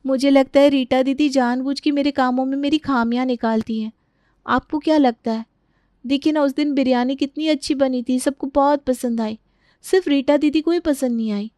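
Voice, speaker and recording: An earnest young daughter-in-law from a cartoon story, as a woman plays her, with a fairly high voice. She protests in pleading, indignant questions. The recording is close and dry. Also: fairly even intonation, moderate pace, mellow, dry recording, close to an everyday voice.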